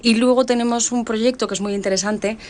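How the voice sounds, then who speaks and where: A woman's voice: fairly high pitch, fairly even intonation, fairly quick, darkish tone. A woman speaking as an interview guest, casually explaining as an organiser. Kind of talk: casual radio interview, explaining local projects.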